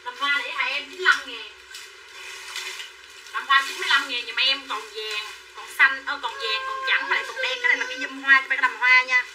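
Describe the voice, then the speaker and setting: Her voice sits high with a sing-song, sharp quality, and she talks fairly quickly. She's a livestream clothing seller chattily announcing prices and buyers' names and coaxing viewers into purchases. The mic is distant, with faint noise behind her.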